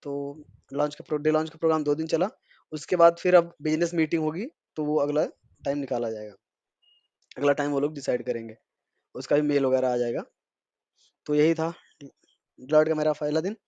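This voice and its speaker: Chatty young man, slightly high voice. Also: fairly even intonation, brisk, pauses often, darkish tone, no room sound, lo-fi sound. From India. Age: young adult. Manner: chatty, rambling with frequent fillers and restarts. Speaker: vlogger. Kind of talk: casual vlog recounting.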